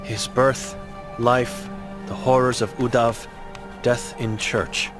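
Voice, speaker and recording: Guy doing a grim blind old woman in a game, short broken phrases, slow with soft music under it. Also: level tone, natural voice. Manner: terse broken phrasing, low and heavy. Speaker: game character reading a blind mute woman's chalkboard.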